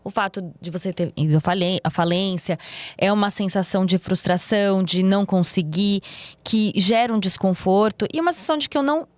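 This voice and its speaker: A woman hosting a podcast interview, asking calm, reflective questions. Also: medium pitch, fairly quick, no room sound. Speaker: podcast host.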